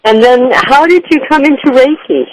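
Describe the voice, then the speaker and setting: A man from Japan hosting a radio interview, asking gentle, hesitant questions. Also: very high-pitched, normal speed, slight background noise, low-quality recording. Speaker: radio host.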